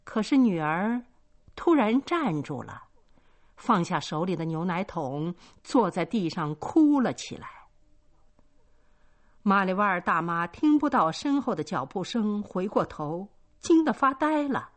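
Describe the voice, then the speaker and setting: A woman narrating a story aloud in a measured, expressive reading. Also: mid-range voice.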